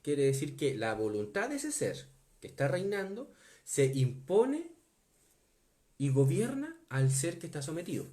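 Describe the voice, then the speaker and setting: A man preaching a Bible teaching sermon, stressing key words, slowing down on them and often asking his listeners whether they follow. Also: a little high, wildly swooping pitch, warm tone. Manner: asks the listeners to confirm often.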